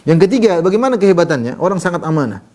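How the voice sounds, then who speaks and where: A man preaching a religious lecture, reciting Arabic and then explaining it in lively storytelling, moving between soft low asides and raised emphatic lines. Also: very fast. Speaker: Islamic preacher.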